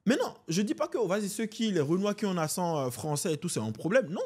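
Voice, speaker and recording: A man's voice: high voice, quick pace, slightly rough. A man in his twenties from Benin with a Beninese French accent, chatting casually as a podcast guest and leaning on "en fait, tu vois". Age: 20s. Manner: animated, slangy, repeats "en fait, tu vois".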